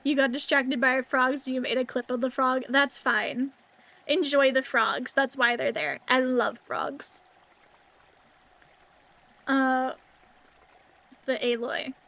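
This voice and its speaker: A woman with a high voice chats as a livestreamer. Her delivery is cute in an anime-streamer way, and she rambles casually and informally to the people watching. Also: fairly even intonation, measured pace, pushed and bright. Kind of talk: casual rambling chat with viewers.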